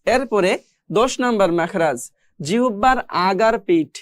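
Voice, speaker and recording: A man teaching how to pronounce Arabic letters, speaking slowly and patiently, repeating each sound several times. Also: sits high, lively intonation, no echo, studio quality. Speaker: Quran recitation teacher. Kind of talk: recorded pronunciation lesson.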